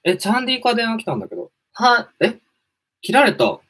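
A man hosting a livestream, chatting with a caller in an animated, teasing way. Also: very high-pitched, quick pace. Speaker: livestream host. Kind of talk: casual livestream chat.

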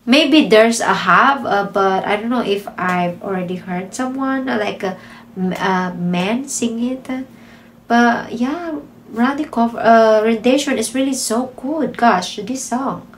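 A young woman hosting a reaction video, gushing excitedly in casual commentary from a small room at home. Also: a little high, measured pace, a little hiss or hum. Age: young adult. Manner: gushing, excitable, frequent gasps of "gosh".

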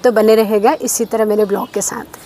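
A woman from the Uttarakhand hills of India chats casually to camera as a vlogger, mostly outdoors by the roadside and in a village. Her mid-range voice is steady, mellow, and at a normal speed. She's recorded on a phone at arm's length or a clip-on lapel mic, with faint outdoor noise behind her.

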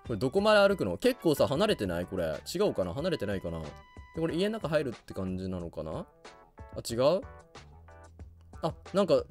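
A man giving let's play commentary on a video game, reacting loudly and laughing often. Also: on the high side. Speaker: gaming YouTuber.

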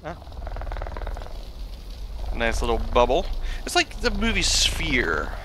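A man's voice: medium pitch, wildly swooping pitch, slow pace, noisy background. A man giving casual gameplay commentary in a musing, wryly jokey way. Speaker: gaming video commentator.

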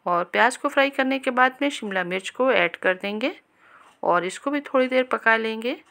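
A woman hosting a cooking channel, giving a calm, step-by-step recipe voice-over and speaking directly to viewers. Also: a little high, moderate pace, gravelly.

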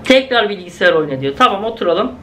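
A man's voice: sits high, big pitch swings, quick pace, fairly bright tone, a little hiss or hum. A young man giving chatty, jumpy let's-play commentary, exclaiming at scares and talking to his viewers. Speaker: gaming video host.

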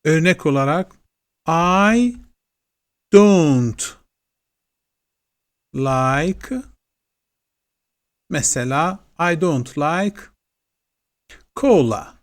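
Turkish-accented man as a patient English tutor, very slow, repetitive drilling delivery. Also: fairly high pitch, expressive. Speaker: English teacher. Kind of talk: slow classroom lesson.

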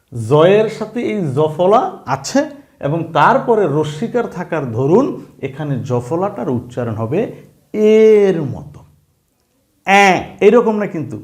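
Man, language teacher, high voice, animated intonation, repeats sounds, quizzes the listener. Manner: repeats sounds and rules, asks the listener questions. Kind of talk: online spelling and pronunciation lesson.

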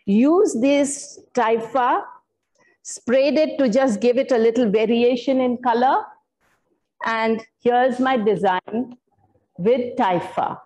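A woman's voice: fairly high pitch, takes it slowly, darkish tone, rough recording. An older woman giving a floral art workshop demonstration, explaining her materials step by step with some fillers. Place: indoor studio room.

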